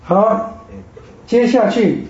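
A man teaching a classroom language lesson, slowly modeling each word for his students to repeat. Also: sits high, darkish tone. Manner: slow, patient, models pronunciation for repetition. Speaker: Greek teacher. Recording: roomy, dull lo-fi classroom audio.

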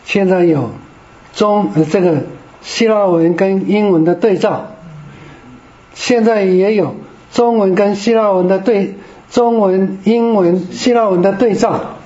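A man's voice: high-pitched, measured pace, dark tone. A man teaching Greek to a class, explaining patiently step by step. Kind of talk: classroom lecture. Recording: roomy, dull lo-fi classroom recording.

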